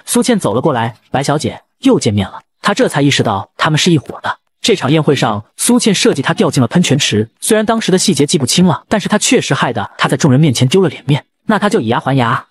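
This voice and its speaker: A man narrating an audio comic at a quick clip, briefly voicing each character's quoted lines. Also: a little high, husky. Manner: rapid, lively storytelling with brief voiced quotes.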